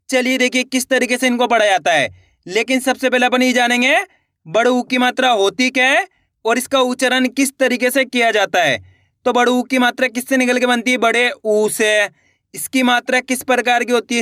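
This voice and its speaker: A man's voice: very high-pitched, pushed and bright, no room sound, studio quality. A man teaching reading as a video lesson, stretching out syllables and asking and answering his own questions. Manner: slow, drawn-out syllables, repeats questions and answers to the viewer. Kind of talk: classroom-style video lesson.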